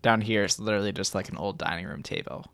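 A man's voice: lowish voice, fairly even intonation, quick pace, a bit bright, dry recording, clean studio sound. A man co-hosting a sports podcast in casual chat, talking in a loose, rambling way. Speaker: podcast co-host.

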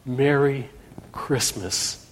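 A man's voice: medium pitch, very slow, long reverb tail, a little hiss or hum. A man preaching a Christmas sermon in a church, telling a story earnestly with frequent restarts.

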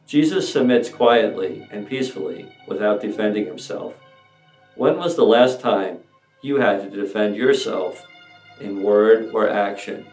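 A man's voice: lowish voice, unhurried. A man reading a Good Friday scripture passage and leading prayers in a solemn, reflective way. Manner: solemn, reflective, raises voice for quoted shouts. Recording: echoey room, voice from a distance, soft music behind.

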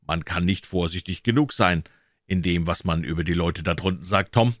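A man's voice: low voice, moderate pace, no echo, clean studio sound. A man voicing a superstitious, fearful boy who whispers shakily, in an audiobook reading. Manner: trembling, hushed whispering. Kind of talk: audiobook character voice.

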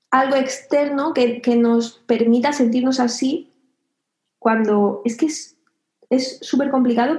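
A young woman in her twenties being interviewed, telling a personal story in a hesitant, reflective way with many pauses and fillers. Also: high-pitched, darkish tone. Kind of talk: personal testimony. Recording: echoey room, dull lo-fi sound.

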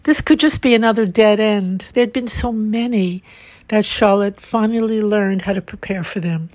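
A woman narrating a mystery novel aloud in a measured, unhurried reading. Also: mid-range voice, a little mellow, no room sound. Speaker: audiobook narrator. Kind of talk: scripted narration.

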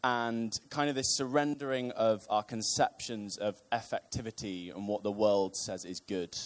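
Brief: young male preacher, lowish voice, halting delivery full of ums, dry humor. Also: fairly even intonation. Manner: hesitant, many ums, wry asides. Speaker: preacher on the church team. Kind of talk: casual sermon.

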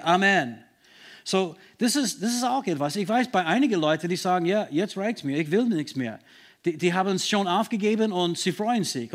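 A man preaching a sermon in an earnest, emphatic way, slowing down to stress key words, with slightly non-native phrasing. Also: sits high.

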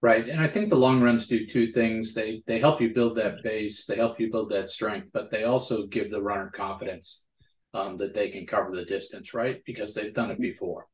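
A man's voice: lowish voice, steady tone, normal speed. A man hosting a casual interview, explaining things and often checking in for agreement, in a roomy, echoing recording. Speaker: podcast host.

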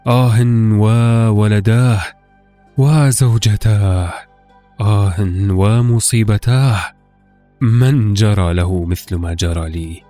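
A man's voice: medium pitch, animated, moderate pace, a little mellow, soft background music, close to an everyday voice. Man voicing an anguished merchant master in a storybook. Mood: wailing grief. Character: distraught male merchant master, anxious and grieving. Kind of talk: storybook character voice in narration.

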